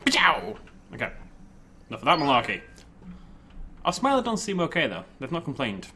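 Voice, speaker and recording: A man's voice: fairly high pitch, wildly swooping pitch, a little fast, bright, forceful tone, slight background noise. A man giving casual, informal game commentary, thinking aloud and playfully talking to the game. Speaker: gaming video host.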